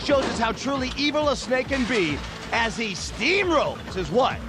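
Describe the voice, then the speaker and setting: High-pitched man hyping a contest dramatically. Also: measured pace. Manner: bombastic, theatrical build-up, excited. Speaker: competition announcer. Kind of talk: dramatic reality-show hype commentary. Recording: loud music behind the voice.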